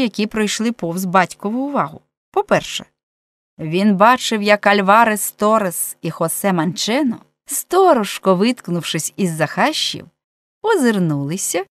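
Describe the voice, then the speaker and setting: Audiobook narrator, female, expressive storytelling, dead-dry close mic. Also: medium pitch, dry recording.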